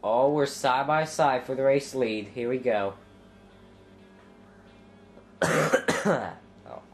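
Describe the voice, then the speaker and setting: Congested in both nose and throat, this young man offers slow, casual let's-play commentary in a mid-range voice. He meanders, thinking aloud with plenty of ums and occasional sudden shouts, and there's a slight hiss or hum in the audio.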